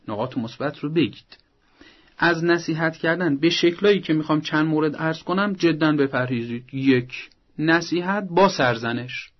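A man giving earnest, didactic advice to parents on a radio talk show. He acts out little scenes between parents and teenagers as he goes. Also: a little high. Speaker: family advice expert. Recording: dull lo-fi broadcast audio.

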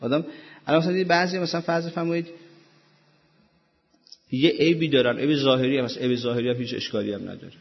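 A man's voice: medium pitch, gravelly, long pauses, dull audio. A man preaching a sermon as a religious lecturer, pressing his listeners with rhetorical questions in a row.

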